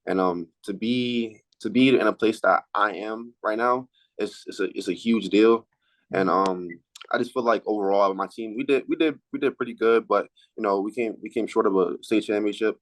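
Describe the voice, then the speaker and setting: A high school senior in his late teens, who plays sports, answers casual interview questions haltingly, repeating words while he thinks.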